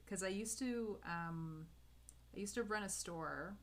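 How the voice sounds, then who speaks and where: A calligraphy livestreamer with a Canadian English accent chats casually with her live viewers as she letters. Her medium-pitched, fairly bright voice moves slowly, upbeat and full of fillers and restarts.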